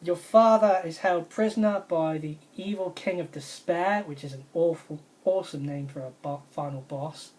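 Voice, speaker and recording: A woman's voice: low-pitched, normal speed, few pauses, darkish tone. A woman, casually reviewing her favourite retro video games in an enthusiastic, rambling way and repeating her praise. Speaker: video game vlogger.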